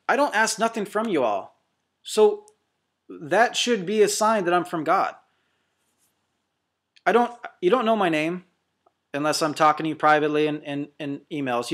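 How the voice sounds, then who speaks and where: A man's voice: high voice, a bit bright. Fervent, blunt male deliverance minister. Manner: fervent, blunt, emphatic, pace swings fast to slow. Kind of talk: impassioned preaching monologue.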